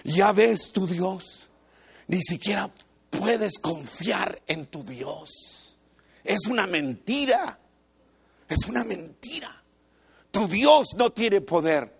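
A man voicing a mocking devil who taunts a believer, in slow, low, sneering words. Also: level tone, a little mellow, slight background noise.

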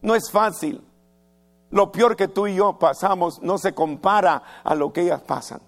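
A man's voice: high voice, moderate pace, vocal fry. A male pastor preaching an earnest sermon and stretching his words for emphasis.

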